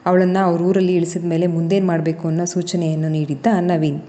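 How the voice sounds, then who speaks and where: A woman narrating a romantic family story in a measured, expressive way. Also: fairly low pitch, in a large hall.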